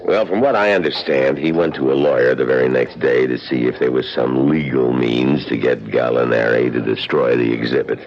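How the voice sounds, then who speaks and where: An actor playing a theatrical museum guide who recounts murders with relish in a radio drama, in a gravelly voice. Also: male voice, steady tone, moderate pace, hardly any pauses. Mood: confiding. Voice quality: very deep, gravelly. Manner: theatrical storytelling. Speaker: narrator and actor. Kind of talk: old-time radio drama acting. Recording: dull vintage radio recording.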